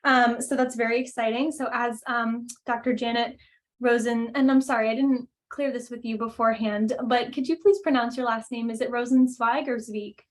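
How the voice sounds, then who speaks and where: A woman's voice: fairly high pitch, steady tone, normal speed. A woman hosting a webinar over a video call, reading out a speaker introduction in a friendly way with frequent "um" fillers. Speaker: webinar host and coordinator.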